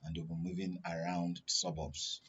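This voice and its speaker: A man with a Nigerian accent, a studio guest on radio and TV, analyzes current affairs by posing questions and answering them himself. His voice sits low with a level, fairly bright tone at a moderate pace. The broadcast sound is dull and lo-fi, with a little hiss or hum.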